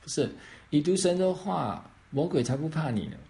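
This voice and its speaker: A man's voice: a little high, animated, normal speed, creaky, mellow. A man pastor answering questions on faith, explaining step by step and often checking that he is understood.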